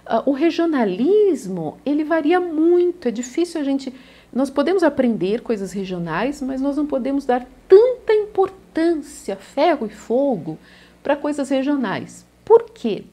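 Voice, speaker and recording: The Brazilian teacher, whose accent is from São Paulo, addresses the camera in a relaxed lesson, tagging her phrases with questions. Her high voice is sing-song and dark in tone, and she takes her time.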